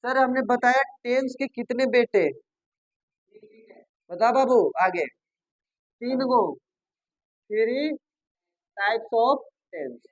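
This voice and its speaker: A man's voice: very high-pitched, very slow, pauses often, dry recording, dull audio. A male teacher giving a grammar lesson, repeating terms and asking and answering his own questions. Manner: repetitive, addresses students as babu and sir, asks and answers himself.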